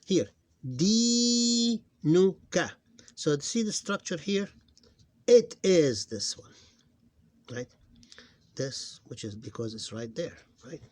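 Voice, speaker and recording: This phonics teacher's voice is on the high side with a darkish tone, captured in a dry recording. He patiently repeats sounds and syllables over on-screen writing, correcting himself as fatigue creeps into his voice.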